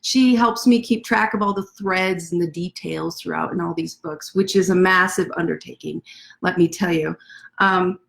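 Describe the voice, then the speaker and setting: A woman author hosting a casual livestream from her desk, chatty and self-deprecating, talking fast. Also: on the low side, gravelly, fairly bright tone. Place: at a desk indoors.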